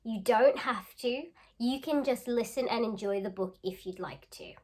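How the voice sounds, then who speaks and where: A teacher, a woman whose voice is a touch high, shares a picture book aloud with kids, reading expressively and pausing to ask them questions.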